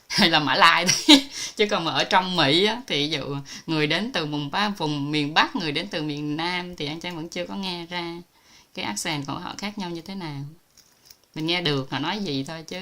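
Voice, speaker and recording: Chatty low-voiced woman host. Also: pushed and bright. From Vietnam. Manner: chatty, laughs often. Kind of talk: casual chat on a video call.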